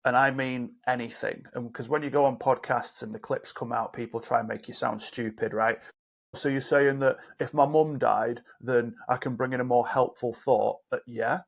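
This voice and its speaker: A man's voice: medium pitch, normal speed, vocal fry. A man talking on a podcast as a guest coach, telling stories and acting out both sides of a conversation. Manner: animated storyteller, acts out dialogue.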